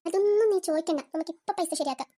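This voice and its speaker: Performer doing a sly bossy cartoon mother-in-law, very high and mellow. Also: rapid-fire. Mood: coaxing, scheming. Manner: fussing, coaxing, then shrill and alarmed. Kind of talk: cartoon voice acting.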